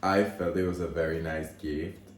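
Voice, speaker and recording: Low-voiced young man rambling through a story. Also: steady tone, normal speed, a little hiss or hum. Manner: rambling, heavy use of "like" fillers; emotional, gushing retelling. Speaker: model telling a story. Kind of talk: casual story time. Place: at home. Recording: roomy echo.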